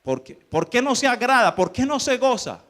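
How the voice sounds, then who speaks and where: A man's voice: extremely high pitch, very animated, moderate pace, fairly bright tone. A man preaching a sermon as pastor, firing rhetorical questions at the congregation. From Colombia.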